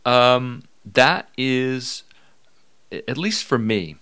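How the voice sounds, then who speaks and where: A man's voice: mid-range voice, animated, very slow, pushed and bright, clean tone, no echo, studio quality. A middle-aged man hosting his podcast, upbeat and folksy with playful emphasis. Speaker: podcast host. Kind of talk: energetic podcast monologue.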